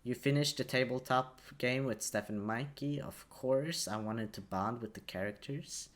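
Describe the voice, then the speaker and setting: A man's voice: mid-range voice, moderate pace. A man giving casual video game commentary, hesitantly thinking aloud as he goes. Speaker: gaming commentator.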